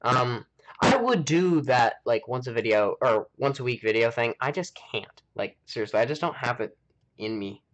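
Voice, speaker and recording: The clip has poor audio of an American game streamer chatting casually and rambling through his thoughts as he plays. His medium-pitched voice is expressive, at a normal speed.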